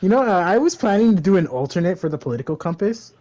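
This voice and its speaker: A man's voice: high voice, big pitch swings, fast talker, dark tone, lo-fi sound. A young man co-hosting a podcast, chatting casually with a laid-back, teasing, slangy manner. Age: young adult. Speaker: podcast co-host. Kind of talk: casual chat.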